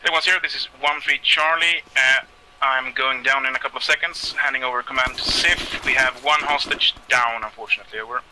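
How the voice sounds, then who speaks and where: Man, quick reports, noisy voice chat, squad leader. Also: mid-range voice, fairly even intonation, bright, forceful tone. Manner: quick, matter-of-fact reports. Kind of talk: military radio reports in a game.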